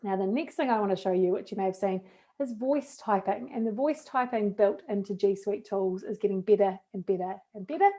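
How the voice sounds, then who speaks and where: A woman with a New Zealand accent leads a live webinar for teachers, walking through classroom software step by step. Her voice is soft and mellow, her manner chatty and encouraging, with casual fillers along the way. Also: medium pitch, brisk. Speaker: teacher trainer. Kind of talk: live webinar tech demo.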